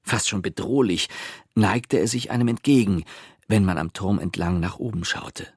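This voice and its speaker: A man narrating a children's audiobook in a lively, expressive way. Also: lowish voice, normal speed, breathy edge, no echo, studio quality.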